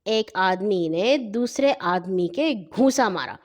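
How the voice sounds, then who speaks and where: A woman narrating a funny children's story in an expressive storytelling manner. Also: mid-range voice.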